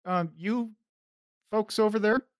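A man's voice: high voice, smooth, no room sound, clean studio sound, voice pushed up. A man voicing a hesitant female receptionist, calling out with the phone held away from her mouth. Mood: unsure. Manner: halting, filler-heavy.

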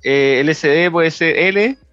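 A man's voice: a little high, slow, no room sound, soft background music. Joking Chilean man, dull lo-fi sound. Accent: Chilean Spanish. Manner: joking, relaxed, slangy. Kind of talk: casual chat. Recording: dull lo-fi recording.

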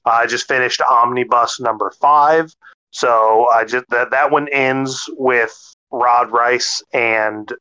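A man co-hosting a casual podcast chat, excitable, swearing freely and stumbling over his words. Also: medium pitch, slow, smooth, dull audio. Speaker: podcast co-host.

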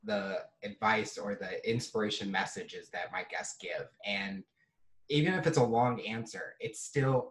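A man hosting an interview show, asking questions in a relaxed, rambling way. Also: on the low side, far from the mic, poor audio. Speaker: podcast host. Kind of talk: casual interview chat.

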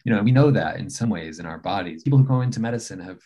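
In a reflective interview, a middle-aged man who works as a palliative care physician talks in a lowish, warm, husky voice that sounds animated and races along. He speaks thoughtfully but with many fillers and restarts.

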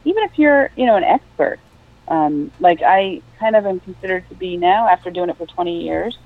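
A woman's voice: lowish voice, animated, brisk, dry recording. A middle-aged woman explaining things conversationally as an interview guest. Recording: tinny phone-line sound.

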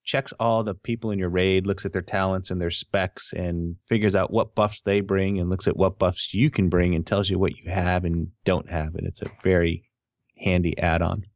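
A man's voice: sits low, no echo, studio quality. A man hosting a casual gaming podcast, reading out listener questions and explaining them patiently. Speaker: podcast host.

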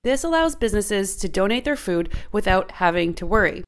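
A woman reads a legal passage aloud in a mid-pitched voice. She takes it slowly and precisely, then sums it up plainly. It sounds like a read explainer segment. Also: expressive. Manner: measured, precise reading of legal text.

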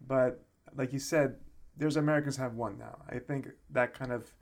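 A man with a mid-range voice chats casually about martial arts. He hedges often and reaches for words as he thinks aloud. His tone stays relaxed and conversational. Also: medium pitch, normal speed, creaky. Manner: thoughtful, hedging, lots of fillers.

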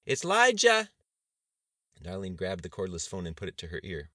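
A man reading a novel aloud as an audiobook narrator, measured and even. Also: sits low, no room sound, clean studio sound. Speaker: audiobook reader. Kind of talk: scripted narration.

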